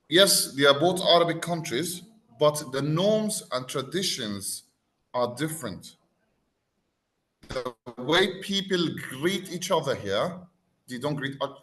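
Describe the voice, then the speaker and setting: A man's voice: medium pitch, a bit bright. A man raised in the UAE, talking reflectively as a podcast guest and explaining with everyday examples. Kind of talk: conversational panel talk.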